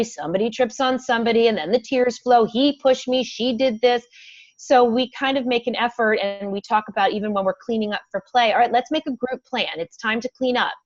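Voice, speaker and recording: A woman educator chats in a lively way as a guest, and she slips into a sing-song teacher voice when she acts out classroom phrases. Her voice sits at a middle pitch. The sound is dry and a little dull. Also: no room sound. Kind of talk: casual interview chat.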